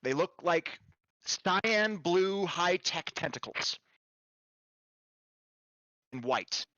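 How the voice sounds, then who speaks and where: Male game master, dramatic improvised narration, very varied pitch, dry slightly muffled sound. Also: expressive, very slow, sharp tone, no room sound.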